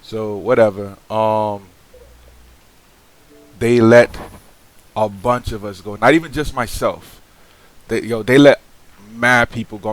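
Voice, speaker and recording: A young man with a somewhat low voice speaks straight to his viewers in an unscripted vlog. His talk is loose and slangy, full of fillers and restarts. He sounds frank and aggrieved as he airs his complaint. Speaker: vlogger. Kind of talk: casual vlog monologue.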